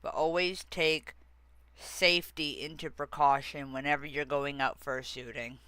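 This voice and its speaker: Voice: medium pitch, steady tone, moderate pace, sharp tone, clean tone, no echo. A streamer chatting casually with viewers, rambling and easily sidetracked while working on screen, with many fillers and restarts. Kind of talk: casual livestream chat.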